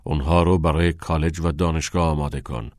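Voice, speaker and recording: A man's voice: very deep voice, steady tone, a little mellow, no room sound, studio quality, pitched below the performer's own voice. A man voicing an older male headmaster who speaks firmly and condescendingly. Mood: stern. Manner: firm, condescending.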